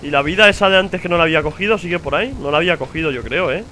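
A man's voice: fairly high pitch, racing, sharp tone, slight background noise. A young man with a Spain Spanish accent commenting on his gameplay, swearing in frustrated outbursts and muttering to himself. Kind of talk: let's play commentary.

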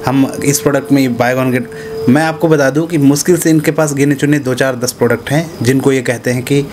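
Hindi-speaking man pitching, chatty. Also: steady tone, brisk, crowd noise. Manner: conversational, repeats "है ना" and "ठीक है" tags. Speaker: business consultant pitching supermarket setup. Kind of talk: casual direct-to-camera pitch. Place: small indoor office room. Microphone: handheld clip mic held near chin.

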